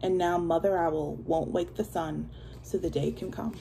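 A woman voicing a solemn male lion king who recites a chain of blame in a measured way. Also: lowish voice, fairly even intonation, creaky, warm tone, slight background noise, low-quality recording.

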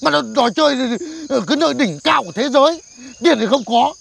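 A man's voice: extremely high pitch, quick pace, vocal fry, a bit bright, slight background noise, heavily acted. An actor playing a broke, put-upon grown man who nags and grumbles, in a comedy sketch over music. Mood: nagging. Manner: nagging, then sobbing for his grandkids. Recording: music bed under dialogue.

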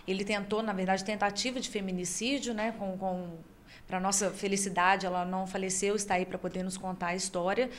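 Uma delegada com sotaque brasileiro dando uma declaração oficial, firme e assertiva. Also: female voice, medium pitch, fairly even intonation, a little fast, slight background noise. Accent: Brazilian. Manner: assertive, official. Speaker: police chief. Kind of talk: press statement.

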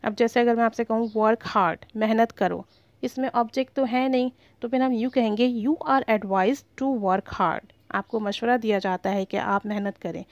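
Lady teacher going thru grammar rules super slow, kinda high voice, dry close mic. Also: fairly even intonation, no room sound. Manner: slow and deliberate, spelling out example sentences.

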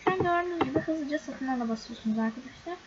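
A young woman with a high voice talks rapidly to her viewers over a game screen recording, chatting casually and often sounding exasperated. She's a gaming YouTuber, and the recording is dull and lo-fi with loud background noise.

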